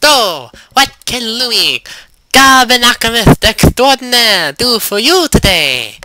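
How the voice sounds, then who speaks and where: A man voicing a small, hyperactive female goblin alchemist with an eager sales pitch. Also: big pitch swings, slow pace, noisy background, exaggerated voice. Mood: chirpy.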